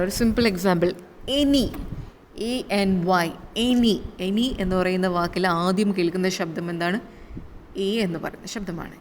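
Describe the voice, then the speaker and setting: A woman with a Malayali accent teaching a phonetics lesson, repeating and drawing out sample words and answering her own questions. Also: medium pitch. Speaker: English teacher. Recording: long reverb, faint room noise.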